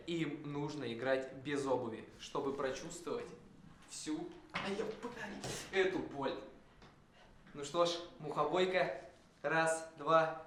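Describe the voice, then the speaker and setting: Guy hosting some casual challenge show, highish voice, echoey noisy room. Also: a bit bright. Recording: echoey room with clear background noise.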